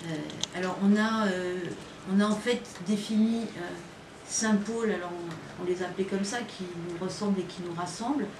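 Speaking for an association, this middle-aged woman has a mid-range voice, fairly even intonation and a normal pace. She presents informally at a partnership signing inside a small meeting room, a group standing at her back. Captured from afar, she sounds echoey amid room noise.

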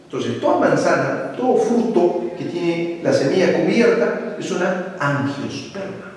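A man with a Peruvian Spanish accent teaching an online pre-university biology lesson, lively, asking questions and answering them himself. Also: sits high, measured pace. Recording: very echoey hall, voice from a distance.

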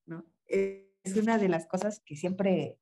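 A woman's voice: mid-range voice, slow, creaky, warm tone. Chatty, self-deprecating woman. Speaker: club member, master of ceremonies. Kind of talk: casual chat on a call.

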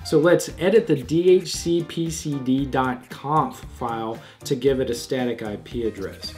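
A man hosting a tech DIY channel, giving clear step-by-step scripted tutorial narration with a light touch of humor. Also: medium pitch, moderate pace, a little mellow, soft background music.

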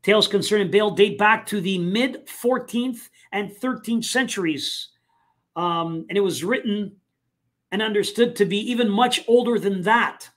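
A man hosting a live online talk show, speaking casually with many fillers and pauses. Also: high voice, fairly bright tone. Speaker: host.

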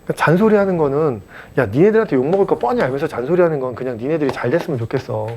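A math tutor at a cram school teaches in a highish, animated voice with a darkish tone. He's blunt and chatty, joking and mock-scolding his students and checking in with quick questions.

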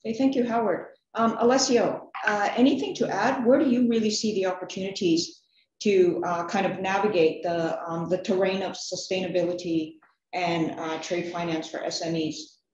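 A woman's voice: fairly low pitch, fairly even intonation, normal speed, darkish tone. A woman moderating a panel discussion, summarising answers and inviting each panelist to speak. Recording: echoey, muffled room with faint noise.

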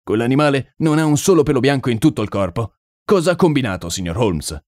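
A man's voice: mid-range voice, expressive, fast talker, a little mellow, no echo, studio quality, natural voice. A man voicing a stern, proud older colonel who owns a racehorse, cold and clipped in manner. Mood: agitated. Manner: cold and clipped, then agitated.

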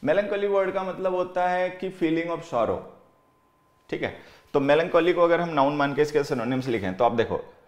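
A man teaching English vocabulary in Hindi, with an Indian English accent. He explains slowly and repeats words. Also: on the high side. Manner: explains slowly, reads example sentences aloud word by word, repeats words; keeps saying "theek hai" while writing on the board. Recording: echoey room.

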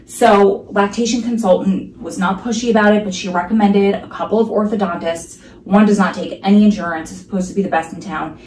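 A woman in her thirties with a New Jersey accent vlogs from her living room beside a sunlit window, talking chattily and emphatically to the camera with many asides. Her voice is fairly low and a little mellow. The camera sits across the room, so the low-quality recording sounds distant and reverberant, with a little hiss or hum.

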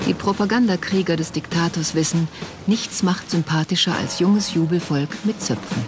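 Male documentary narrator over loud music. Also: fairly high pitch, normal speed. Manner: terse, clipped sentences.

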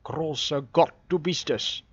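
A man voicing an old farmer who speaks loudly, in exclamations, as he reads a story aloud. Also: mid-range voice, a little slow, slightly rough, dull audio. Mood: startled. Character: old male farmer, frightened, then grateful.

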